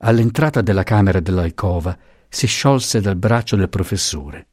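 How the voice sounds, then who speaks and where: A man reading an audiobook aloud in a dramatic, unhurried way. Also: low-pitched, animated, darkish tone, no echo, clean studio sound. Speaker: audiobook reader. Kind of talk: scripted audiobook narration.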